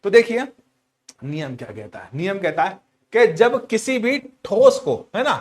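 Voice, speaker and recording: A man teaching a class, animated and teasing, asking questions and repeating key words back to his students. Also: high voice, a little slow. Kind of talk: lively storytelling lecture.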